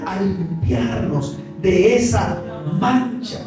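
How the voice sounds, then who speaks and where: A pastor preaches an emphatic sermon at a slow, measured pace. The voice sounds far from the mic and rings out in a very echoey church hall, with clear instrumental music playing underneath. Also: medium pitch, expressive. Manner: emphatic, often calling the listeners "brothers". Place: church sanctuary.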